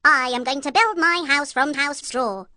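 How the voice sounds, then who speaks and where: A woman's voice: sits high, sharp tone, dry recording, clean studio sound, voice pushed up. Woman doing an eager chirpy little pig. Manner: quick, chirpy. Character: eager young little pig, quick and cheerful.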